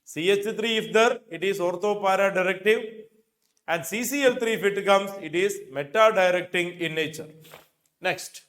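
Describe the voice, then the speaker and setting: At normal speed and in a high, fairly bright voice, a middle-aged man with an Indian accent coaches students for chemistry exams. He works through questions while repeating key phrases for emphasis. He's recorded via lapel microphone in an indoor studio fitted with a digital board.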